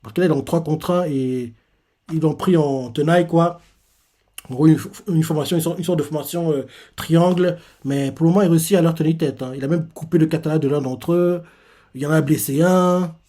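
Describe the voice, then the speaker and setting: A man's voice: fairly high pitch, brisk, dark tone. A man recapping a manga chapter in a casual live reaction, rambling with lots of fillers. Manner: rambling, filler-heavy retelling.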